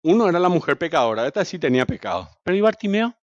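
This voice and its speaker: A man with a Paraguayan accent preaching a sermon, telling stories animatedly, swinging from loud to hushed and asking the congregation questions. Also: a little high, big pitch swings, rapid-fire, no room sound, muffled recording. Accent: Paraguayan Spanish.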